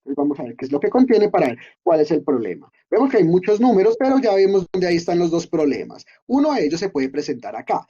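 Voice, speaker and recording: A man's voice: sits high, sing-song, quick pace, hardly any pauses, warm tone, husky, dull audio. A man giving a screen-recorded coding lesson, explaining step by step and often checking in with his students. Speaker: instructor.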